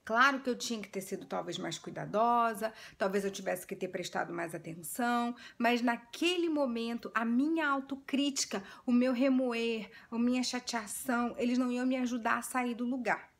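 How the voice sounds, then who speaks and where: A woman's voice: fairly high pitch, normal speed, creaky, hardly any pauses. A woman in her thirties with a Brazilian Portuguese accent, earnestly retelling a personal story to her viewers as a vlogger. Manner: earnest, animated retelling, addresses viewers directly.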